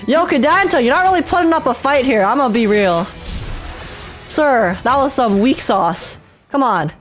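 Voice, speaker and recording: While playing a video game, a woman gives casual, gushing live reactions full of slang, with game music playing behind her. Her voice sits high and sounds animated, at a moderate pace.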